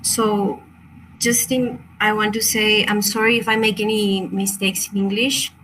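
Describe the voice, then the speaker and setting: This native Spanish speaker from Chile, with a Chilean accent, runs an online crystal workshop in an unhurried, medium-pitched, level voice. Background noise is audible, and she comes across as hesitant and apologetic, using many fillers and restarts.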